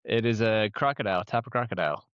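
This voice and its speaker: A man's voice: lowish voice, expressive, fast, fairly bright tone, clear, resonant tone, no room sound, muffled recording. A young man hosting a casual podcast chat, running a trivia quiz and laughing often. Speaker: podcast host.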